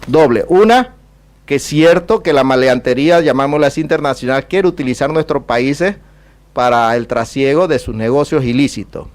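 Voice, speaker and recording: A man's voice: mid-range voice, moderate pace. Panamanian man with Caribbean Spanish accent, discursive speaker. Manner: discursive, rhetorical questions, emphatic repetition. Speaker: ambassador giving a talk. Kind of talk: public talk with question and answer.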